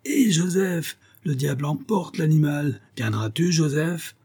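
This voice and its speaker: A man's voice: a little high, expressive, unhurried, mellow, husky, voice pushed up. A man voicing a cranky old professor barking orders. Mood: demanding. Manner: imperious, snapping questions. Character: irascible elderly male professor, gruff and demanding.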